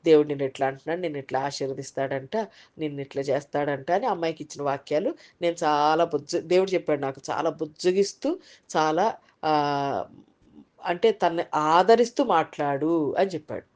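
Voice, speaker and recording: A woman's voice: low-pitched, fairly quick, darkish tone. Woman preaching a conversational sermon. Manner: conversational, acts out worried inner voices. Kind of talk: Sunday sermon. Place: online group meeting.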